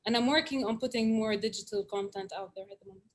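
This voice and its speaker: A Syrian woman poet speaks over a video call and then reads spoken word poetry, earnest and measured, with dramatic repetition. Her voice sits on the high side.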